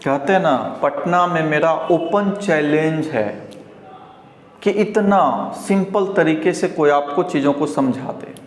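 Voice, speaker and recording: An Indian man from Bihar teaching English pronunciation, slowly repeating each word several times and drawing out the model words. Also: fairly high pitch. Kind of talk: pronunciation lesson. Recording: roomy echo, faint background hiss.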